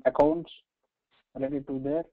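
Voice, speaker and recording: A man with an Indian accent teaching software step by step in a halting, repetitive way, often checking with short tag questions. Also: medium pitch, lively intonation, vocal fry. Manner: halting, repetitive, frequently checking with "right" and "okay". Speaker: software trainer. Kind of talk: screen-share software tutorial, explaining step by step. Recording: roomy echo, slightly dull lo-fi sound.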